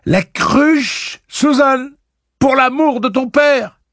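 A man voicing a young male gunslinger who shouts urgent warnings in a storybook reading. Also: extremely high pitch, very slow, dry recording, studio quality, voice pushed up, exaggerated voice. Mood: shouting urgently.

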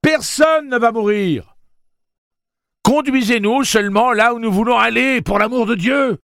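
A man reading an audiobook, voicing a fiery young woman who gives sharp, commanding orders. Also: very high voice, measured pace, gravelly, dry recording, studio quality, pitched above the performer's own voice, heavily acted. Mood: fierce.

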